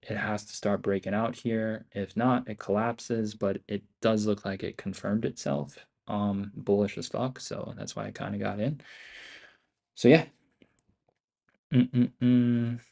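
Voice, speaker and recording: Low-voiced, sweary finance-bro man. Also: fairly even intonation, normal speed, gravelly, hardly any pauses, darkish tone. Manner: addresses listeners as bro, dude and man. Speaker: day trader hosting a live stream. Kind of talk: casual live trading commentary.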